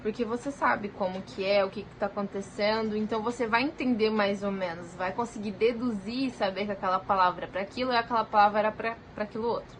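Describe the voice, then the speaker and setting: A young woman with a Brazilian Portuguese accent, telling a story in a casual, animated vlog and acting out the dialogue she quotes. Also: medium pitch, fast, hardly any pauses, a little hiss or hum, rough recording. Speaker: vlogger.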